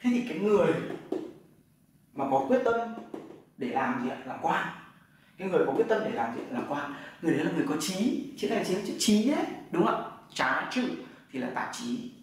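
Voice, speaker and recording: Teacher in an echoey room. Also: male voice, on the high side, sing-song, fairly quick. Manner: explains step by step, often asks "right?" to check. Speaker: Chinese language teacher. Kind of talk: classroom lesson. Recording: echoey room from far off, faint noise.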